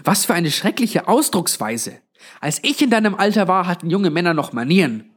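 A man's voice: high-pitched, very animated, fast, voice pushed up. A man voicing a stern, snappish old woman who runs a lonely motel, hissing and scolding.

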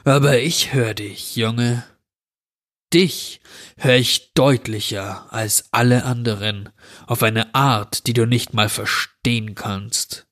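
A sinister intruder with a slow, drawn-out way of speaking, as a man voices him. He sounds cold and mocking in a storybook horror tale, and his voice sits in a middle register. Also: medium pitch, steady tone, fairly bright tone. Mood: menacing. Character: menacing drawling male intruder who grants wishes.

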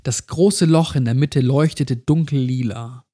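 A man's voice: medium pitch, unhurried, mellow, breathy edge. Somber male horror story narrator.

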